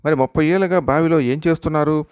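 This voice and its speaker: A man's voice: on the high side, fast talker, darkish tone, clear, resonant tone, no echo, clean studio sound, pitched above the performer's own voice, close to an everyday voice. A man voicing a boastful young man who brags about his grandfather. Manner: bragging.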